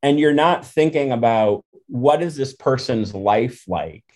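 A man hosting an interview, explaining his points in a measured, thoughtful way. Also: mid-range voice, expressive, darkish tone. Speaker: podcast host. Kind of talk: conversational interview.

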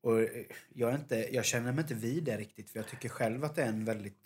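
A man's voice: medium pitch, darkish tone, a little hiss or hum. A man with a Jönköping Swedish accent, co-hosting a podcast in casual chat and animatedly mimicking other dialects. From Jönköping, Sweden. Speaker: podcast co-host.

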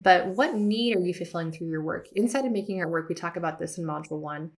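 A woman with a lowish voice talks quickly as she hosts an art business podcast. She's a podcast host and art educator giving a casual teaching monologue, chatting with listeners, laughing at herself, and adding upbeat emphasis.

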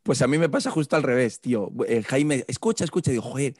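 A hoarse man from Murcia, a podcast guest chatting casually, blunt and quick to swear. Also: mid-range voice, animated, dry recording, clean studio sound. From Murcia, Spain. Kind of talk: casual chat.

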